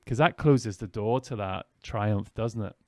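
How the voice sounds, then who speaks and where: A man's voice: lowish voice, unhurried, dry recording, studio quality. A man hosting a podcast, reflecting in a casual, thinking-aloud way. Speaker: podcast host. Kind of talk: casual interview chat.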